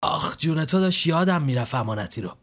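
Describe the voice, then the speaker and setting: A man's voice: on the high side, animated, a bit bright, voice pushed up. A man voicing a cocky young male gang member who talks in flippant, joking banter.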